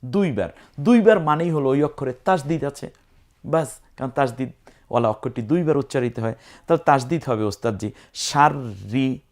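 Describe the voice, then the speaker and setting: A man with a Bangladeshi Bengali accent teaching recitation, explaining letter by letter and chanting words in long drawn-out tones. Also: medium pitch, expressive, a little mellow. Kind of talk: spelling-out lesson.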